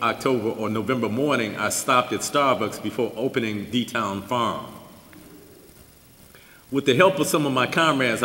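An older man giving a keynote, reading a personal essay aloud at a lectern mic with measured delivery and dry asides. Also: mid-range voice, a bit bright. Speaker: keynote speaker. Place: large church hall. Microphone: stand mic at a lectern. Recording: roomy hall with long reverb.

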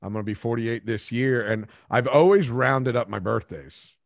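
A man's voice: medium pitch, moderate pace, gravelly, no room sound. A man in his forties hosting a podcast, telling self-mocking stories in a rambling way with restarts, on a studio microphone. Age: 40s. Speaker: podcast host. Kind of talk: casual interview chat. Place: home studio room. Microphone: studio microphone with headphones.

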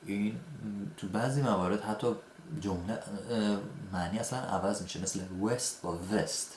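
Deep-voiced man teaching English grammar. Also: darkish tone. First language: Persian. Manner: slow, deliberate example sentences between quick explanations. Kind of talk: explaining grammar in a lesson. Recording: echoey room, faint background noise.

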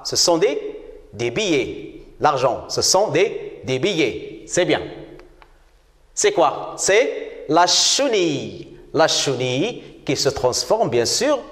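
A man teaching a primary school reading lesson, repeating words slowly and praising often. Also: fairly high pitch. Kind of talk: slow classroom reading lesson. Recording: roomy echo with long reverb.

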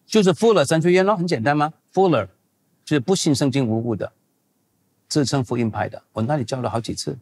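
A man's voice: mid-range voice, fairly quick, a little mellow, breathy edge. An older man, a pastor and seminary teacher, answering audience questions in a loose, digressive, emphatic way.

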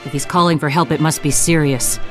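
A woman's voice: sits low, fairly even intonation, moderate pace, music in the background, lightly acted. An actress playing a stern female sergeant in a video game, firm and commanding.

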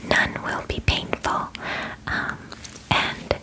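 A young woman in her twenties, indoors in a small bedroom, voices a polite alien doctor who examines in a matter-of-fact way for ASMR. Her whisper is soft and breathy, and her formal lines come slowly and haltingly with little pauses. The recording is rough.

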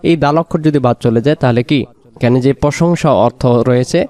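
Smooth-voiced man teaching slow careful recitation. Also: fairly high pitch, warm tone. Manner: drawn-out slow chanting of example phrases; explains letter by letter, patient. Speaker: religious teacher. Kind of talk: pronunciation lesson.

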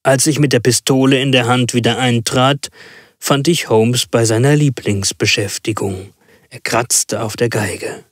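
In a steady, measured reading voice of medium pitch, a man narrates a classic story as an audiobook reader. The scripted narration is recorded with studio quality and no room sound.

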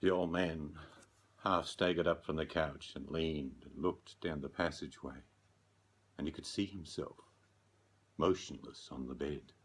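A middle-aged man narrating a bedtime story gravely and dramatically, with long pauses. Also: extremely low pitch. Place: small dark room, candlelit, indoors.

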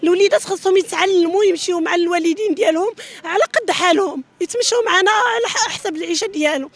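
Woman, northern Moroccan Arabic, very high voice, extremely rapid speech, tearful and pleading, outdoor news interview. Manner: pleading, urgent, repetitive. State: distraught, tearful. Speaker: mother of missing children interviewed on the street. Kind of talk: emotional news street interview. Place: outdoors at night, large open lot. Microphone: handheld reporters' microphones held close.

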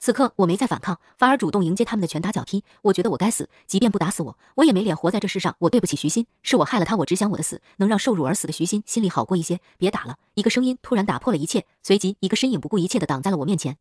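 A woman narrating a horror story in a rapid, dramatic storytelling manner, close to the mic. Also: medium pitch, animated, darkish tone, slightly rough, no room sound. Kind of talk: fast scripted story narration.

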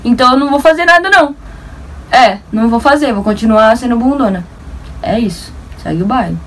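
A young woman with a São Paulo Brazilian accent, telling a story to camera in an animated, slangy, self-mocking way. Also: a little high, brisk, distant mic, faint music behind. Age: young adult. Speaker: vlogger.

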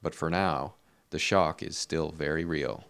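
A man reading a scripted local news report in a measured, even delivery. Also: very deep voice, vocal fry, clear, resonant tone.

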